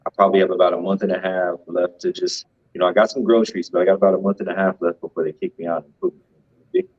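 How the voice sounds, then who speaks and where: A man with a deep, husky voice talks through money matters in a casual, emphatic way, often ending a point with "right?". The recording sounds dull and lo-fi. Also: fairly even intonation, racing, darkish tone. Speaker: co-host of a finance show. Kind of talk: casual financial commentary.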